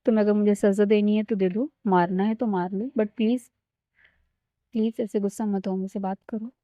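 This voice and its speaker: A woman's voice: mid-range voice, steady tone, moderate pace, no room sound, natural voice. A woman storyteller voicing an affectionate, pleading young woman who coaxes earnestly in her everyday voice. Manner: earnest, coaxing, mixes English phrases. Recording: slightly dull lo-fi recording.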